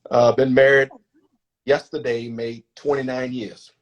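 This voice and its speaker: A man's voice: medium pitch, level tone, a little slow, highs cut off. A man in his fifties from New Orleans, a guest in a casual interview, easygoing and joking.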